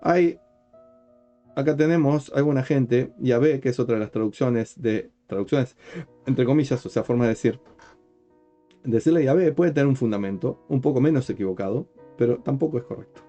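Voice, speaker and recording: A man's voice: medium pitch, moderate pace, dark tone. A man speaking as a rabbi, explaining a point step by step, pointing at written material and often checking understanding with rhetorical questions. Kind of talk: explanatory teaching talk. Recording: dull lo-fi sound with faint guitar music.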